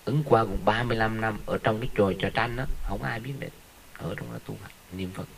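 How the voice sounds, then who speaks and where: A man's voice: lowish voice, steady tone, fairly quick, creaky, a little hiss or hum, poor audio. A man teaching as a Buddhist monk in a conversational dharma talk, telling stories and often asking his listeners if they follow.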